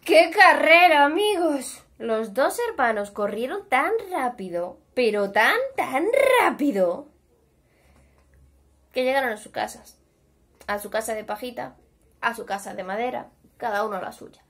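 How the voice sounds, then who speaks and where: A Spanish woman from Spain telling a children's fairy tale in a bright, high voice that swings widely in pitch. She talks chattily and directly to the little listeners. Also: unhurried, pauses often. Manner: animated, chatty, addresses the kids. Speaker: children's storyteller. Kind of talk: storytelling for young children.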